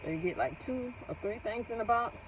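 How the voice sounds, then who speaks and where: A woman's voice: a little high, expressive, fairly quick. A woman talks easily to her viewers while still chewing her food, her words a little muffled by the bite. She is sitting in her parked car, and the recording is dull and lo-fi with faint noise underneath. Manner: chatty, addresses viewers as y'all. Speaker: mukbang vlogger. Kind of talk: casual chat to viewers.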